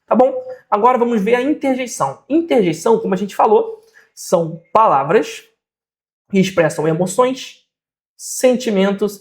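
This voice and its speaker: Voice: medium pitch, a little mellow. Patient Brazilian teacher explaining grammar. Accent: Brazilian Portuguese. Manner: patient, repeats examples, checks in often.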